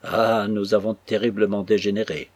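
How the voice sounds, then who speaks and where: A man's voice: on the low side, flat delivery, normal speed, a little mellow, no room sound, pitched below the performer's own voice, close to an everyday voice. A man reading an audiobook, voicing an effusive, theatrical elderly society lady. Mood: gushing. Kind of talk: audiobook character voice.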